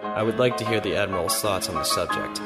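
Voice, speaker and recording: A deferential young lieutenant. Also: male voice, low-pitched, fast talker, loud music behind the voice. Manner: deferential, hesitant.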